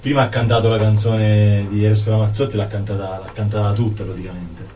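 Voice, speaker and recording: A man's voice: lowish voice, flat delivery, fairly quick, dark tone, recorded from a distance, a little hiss or hum. A man co-hosting a radio show, chatting casually with guests in a studio. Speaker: radio co-host.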